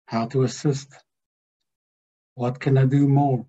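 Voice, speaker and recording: A man giving a slow, measured spiritual teaching to a group, stressing key words. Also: mid-range voice, level tone, dark tone, husky, lo-fi sound. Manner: slow, measured, emphatic delivery.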